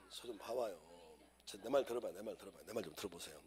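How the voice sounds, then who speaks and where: A man's voice: on the low side, expressive, fast talker. A man teaching civil law in an exam-prep lecture, drilling students with chants and acting out everyday scenes to explain the rules.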